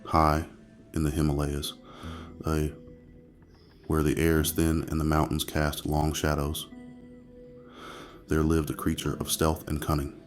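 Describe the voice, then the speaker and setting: A man with an extremely low voice narrates in a nature documentary manner. He keeps a fairly even tone, phrasing slowly and pausing for ominous effect. Soft music runs underneath. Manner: ominous, slow phrasing with dramatic pauses.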